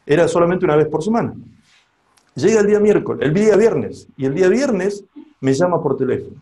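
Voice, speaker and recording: A male pastor preaches at a seminar, telling a personal story. His voice sits a little high for a man, with a mellow, dark tone. He swings his pitch widely and stops to ask the audience questions. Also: animated, brisk. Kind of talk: sermon testimony at a seminar.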